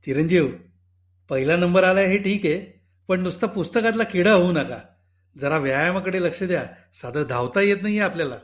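A bitter, short-tempered middle-aged father, as a male story reader puts him on, scolding loudly from an audiobook. The voice sits high for a man and pushes hard on every complaint. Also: normal speed, lightly acted. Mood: stern.

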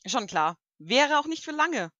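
A woman's voice: high-pitched, very animated, a little slow, a bit bright, no room sound, studio quality, exaggerated voice. Luna, a woman voicing a cheeky pony. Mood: cheeky, snippy. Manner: blunt and cheeky, teasing and mocking. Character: pushy, snippy young female alicorn pony. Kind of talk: fan audio drama acting.

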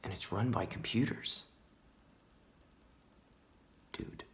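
An actor playing a paranoid young male stoner in a self-tape monologue, rambling and full of "dude" and "man", dropping into whispers and swinging his pitch and volume widely. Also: slow. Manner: drops into hushed whispered asides; wildly swinging pitch and loudness.

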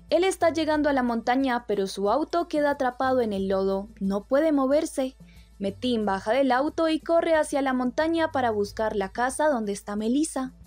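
A woman narrating a drama episode recap in a plain, steady retelling that quotes the dialogue. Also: high voice. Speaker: story narrator.

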